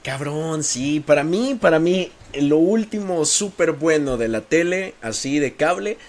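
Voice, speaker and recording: A man's voice: a little high, animated, a little slow, a little mellow. A man co-hosting a podcast in casual, laid-back chat, slangy and enthusiastic. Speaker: podcast co-host.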